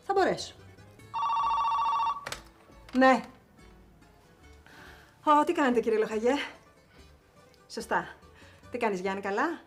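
An actress playing a brisk, sharp-tongued woman who scolds and manages everyone. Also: on the high side, close to an everyday voice. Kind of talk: sitcom acting.

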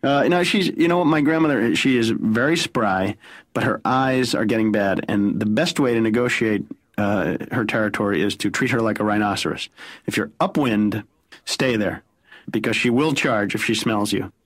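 A man doing a stand-up comedy bit as a therapy patient, telling animated stories. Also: lowish voice, normal speed, no echo, studio quality. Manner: animated, storytelling, husky.

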